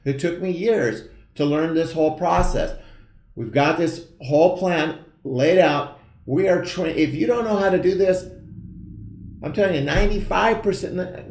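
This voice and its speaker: A man in his fifties hosting a live show, giving an earnest, emphatic motivational pitch that keeps repeating its key phrases. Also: moderate pace, darkish tone, roomy sound. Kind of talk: motivational sales pitch to camera.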